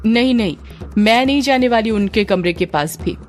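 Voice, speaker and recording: A woman's voice: fairly high pitch, lively intonation, normal speed, faint music behind, lightly acted. A woman voicing a shy, timid young woman who hesitates and stammers in a spoken story. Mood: frightened.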